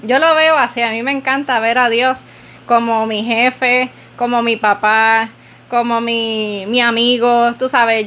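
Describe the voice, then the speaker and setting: A woman's voice: a little high, a bit bright. A woman podcast host giving an earnest, preacherly devotional talk, repeating phrases for emphasis.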